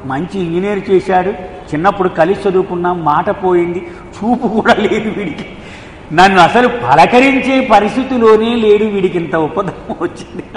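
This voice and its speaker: A lamenting old school friend, pitying and high-voiced, as a male storyteller puts him on. The voice rings around a reverberant hall with a faint hum of ambience behind it. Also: moderate pace, lightly acted.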